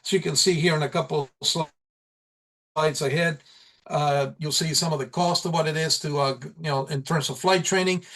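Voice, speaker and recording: At a meeting, a man who instructs a college program walks through slides informally, faltering as he repeats and restarts phrases. His voice sits on the high side, with fairly even intonation and a fairly bright tone.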